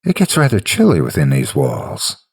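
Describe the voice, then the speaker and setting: Man voicing a deep, courteous, haunting creature in the walls. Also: huge pitch swings, normal speed, vocal fry, a little mellow, slightly rough, heavily acted. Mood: apologetic, polite. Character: polite, apologetic unseen creature living in the walls.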